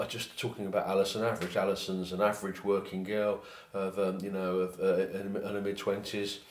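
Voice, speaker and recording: Low-voiced British man in an echoey room. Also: a little mellow. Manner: informal, halting and conversational advice-giving. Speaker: host of a personal finance podcast. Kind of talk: casual podcast monologue. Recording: roomy, echoing sound.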